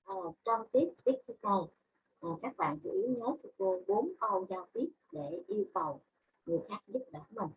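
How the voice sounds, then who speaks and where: A woman's voice: on the high side, very animated, moderate pace, creaky, breathy edge, narrow, tinny audio. A woman English teacher with a Vietnamese accent, giving a class, spelling words out letter by letter and explaining in Vietnamese. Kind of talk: online class lesson.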